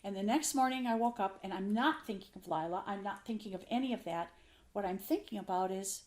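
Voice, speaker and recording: A woman's voice: medium pitch, fairly quick, darkish tone. Older woman, guest, casual interview; earnest heartfelt storyteller, mid-range voice, short phrases. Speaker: podcast guest.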